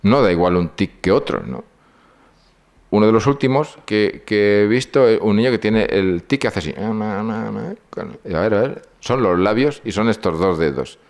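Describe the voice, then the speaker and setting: A man's voice: fairly low pitch, moderate pace. A man from giving an informal lecture, telling anecdotes and acting out dialogue. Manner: animated storytelling, acts out dialogue.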